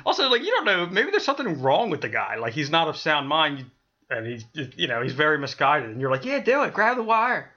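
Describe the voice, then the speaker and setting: A man's voice: fairly high pitch, big pitch swings, brisk, bright, forceful tone, lo-fi sound. A man co-hosting a podcast, chatting casually, laughing often and swearing freely. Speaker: podcast co-host. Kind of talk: casual chat.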